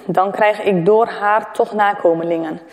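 A woman's voice: medium pitch, fairly even intonation, a little slow, a little mellow, natural voice. A woman reading the lines of a jealous young wife desperate for children, barely acted. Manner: plainly read, barely acted. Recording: long echoing reverb of a hall.

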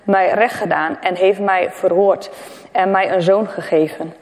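A woman's voice: medium pitch, fairly even intonation, unhurried, a little mellow, lightly acted. A woman reading the lines of a jealous young wife desperate for children, barely acted. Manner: plainly read, barely acted. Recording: long echoing reverb of a hall.

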